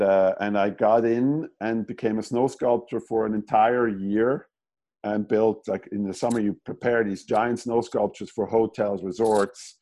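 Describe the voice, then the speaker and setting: His voice sits on the low side with a dark tone, captured in a rough recording. He's a Swiss German animator being interviewed casually, and he wanders through his answers, often restarting and filling pauses.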